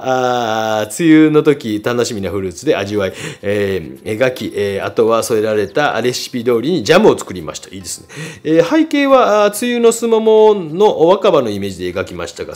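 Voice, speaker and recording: A man's voice: mid-range voice, a little mellow. A man critiquing viewers' paintings in a casual, chatty way, full of fillers and asides.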